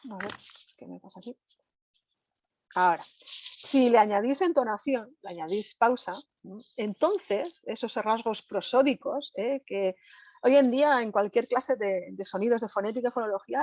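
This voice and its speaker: A woman's voice: a little high, darkish tone, no room sound. A woman from Spain giving a live online lecture, talking conversationally and constantly checking in with her audience.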